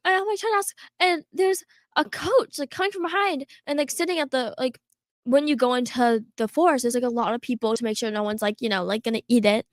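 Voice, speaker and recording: A teenage girl telling a story in casual podcast chat, full of "like" fillers and quick laughs. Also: on the high side, no room sound, clean studio sound. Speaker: podcast co-host.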